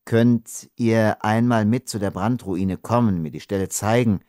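A man narrates an audiobook in a lowish, slightly mellow, natural voice at a measured pace, recorded clean in the studio with no room sound. He voices a young blond ranger whose anger is barely held back under tense restraint.

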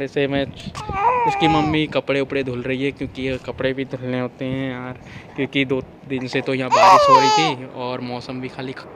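Man vlogging on a noisy rooftop. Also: medium pitch. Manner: chatty, repeatedly addresses viewers as "guys". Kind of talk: casual vlog to camera. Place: rooftop outdoors. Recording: loud outdoor background noise.

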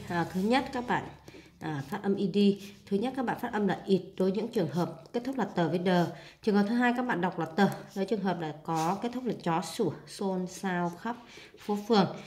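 A woman's voice: mid-range voice, echoey room, a little hiss or hum. A woman teacher with a Vietnamese accent, talking her students through an English exam step by step, often repeating herself and saying "à". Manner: steady explaining, frequent fillers and repeats. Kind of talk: casual spoken exam walkthrough.

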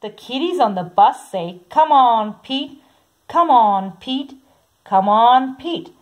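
A woman reading a children's picture book aloud in a slow, sing-song way, saying the repeated sounds softly. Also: on the high side, expressive. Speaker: storybook reader.

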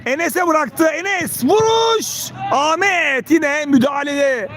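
Screaming male football commentator, very high-pitched. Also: slow pace, shouting. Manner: screaming excitedly, stretching out calls. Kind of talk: live play-by-play commentary of an amateur match. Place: outdoors beside a football pitch. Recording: outdoor pitch with players and crowd behind.

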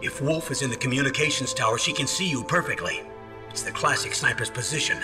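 A man's voice: mid-range voice, quick pace, music in the background, close to an everyday voice. A man playing a stern, urgent older military colonel in a video game. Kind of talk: dramatic video game acting.

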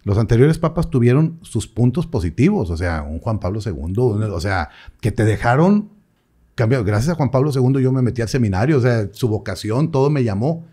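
A young adult priest chats casually in an interview. His voice is mellow and warm, pitched in a middle range, and he tells stories with lively quoted voices. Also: fairly quick, breathy edge. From Mexico. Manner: animated storyteller, acts out quoted voices.

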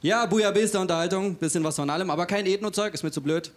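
A man doing a stand-up comedy set on stage before a live audience, with cheeky, deadpan self-mockery. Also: sits high, fast talker.

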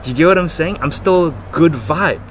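Brisk and fairly high-pitched, a young man in his twenties chats excitably on a house porch, slangy and swearing, often breaking into giggles in a rambling vlog-style monologue about self-improvement. A laptop's built-in microphone at arm's length picks him up noisily outdoors.

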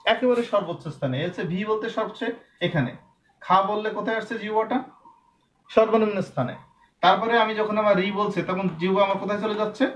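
A man from Bangladesh teaching a lesson, explaining patiently and slowly drawing out sounds as examples. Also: high voice, steady tone, a bit bright, a little hiss or hum. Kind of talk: recorded classroom lesson.

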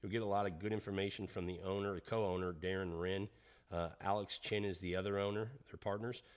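A man's voice: deep voice, fairly even intonation, fairly quick. A man co-hosting a podcast, chatting casually and rambling with restarts. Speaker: podcast co-host. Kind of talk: casual chat.

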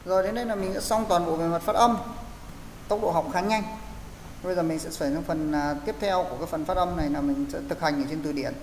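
A man's voice: on the high side, quick pace, darkish tone. A man teaching English pronunciation in an online class, explaining and coaching students step by step. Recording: echoey, roomy hall sound with faint hiss.

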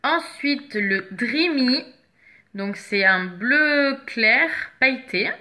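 A woman with a fairly high, bright voice talks through makeup products in an unhurried, chatty way. She rummages for items as she goes, with faint background noise. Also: animated. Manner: chatty, searches for products while talking. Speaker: makeup seller presenting products. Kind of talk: casual makeup product show-and-tell.

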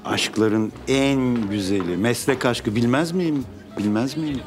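An actor playing an older groom who chats warmly and teases his friend. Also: mid-range voice, unhurried, over music, natural voice. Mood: chatty. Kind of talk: TV drama acting.

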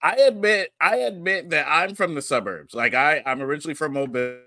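A middle-aged man from Pennsylvania, hosting a podcast in a relaxed, chatty way with many fillers, on a studio mic. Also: on the high side, fairly quick. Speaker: podcast host and comedian. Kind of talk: casual podcast chat. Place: home studio room with posters. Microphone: studio mic on a boom arm with headphones.

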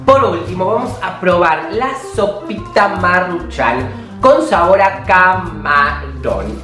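A young Argentine man hosts a casual tasting vlog with playful energy. His pitch swings widely as he talks. He is recorded a little away from the camera in an echoey room. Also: animated, takes it slowly, pushed and bright. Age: young adult. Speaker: host. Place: small bare-walled room indoors. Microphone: camera a short distance away. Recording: roomy, distant camera microphone, faint music.

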